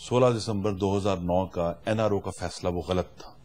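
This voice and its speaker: A man speaking for a political party on a talk show, arguing his case in a measured way. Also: sits low, steady tone, darkish tone. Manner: measured, argumentative. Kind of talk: political debate.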